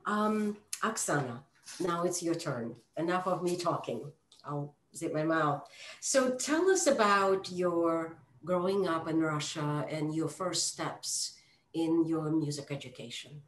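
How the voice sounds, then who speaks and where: A woman's voice: deep voice, animated, takes it slowly, slight background noise. A woman hosting an interview over a video call from home, introducing her guest in a chatty way. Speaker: host. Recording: roomy video call audio.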